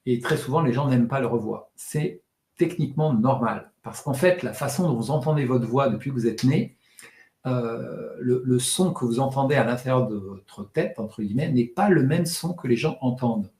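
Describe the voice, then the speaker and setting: A man coaching public speaking in a live online session. He jumps between his normal voice and exaggerated demonstrations, now shouting, now rushing, now flat. He talks fast and swallows some words, and the room gives off a noticeable echo. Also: medium pitch. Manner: demonstrative, exaggerates loud, fast and monotone delivery for effect.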